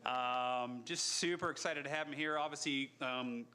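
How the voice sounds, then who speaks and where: A man's voice: mid-range voice, moderate pace, pushed and bright. Chatty upbeat man at a council meeting. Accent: Indiana. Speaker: council president. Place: city council chambers. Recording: crowded chamber with background noise.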